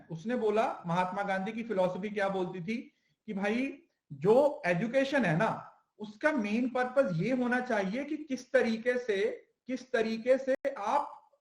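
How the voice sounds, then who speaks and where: A man's voice: high-pitched, echoey room. A male teacher giving an exam-prep lecture in Hindi mixed with English, who asks questions and answers them himself and repeats the key terms.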